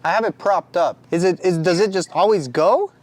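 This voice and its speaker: A man's voice: high-pitched, normal speed. A man hosting a casual vlog, chatty, bemused and self-deprecating as he fumbles through a task. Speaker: vlogger host.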